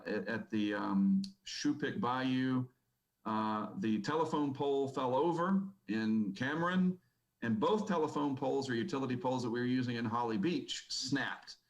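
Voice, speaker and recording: Man, conference speaker, mid pitch, casual rambling delivery, lots of ums. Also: rough recording. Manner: casual, rambling, with many fillers. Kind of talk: presentation talk. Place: conference hall.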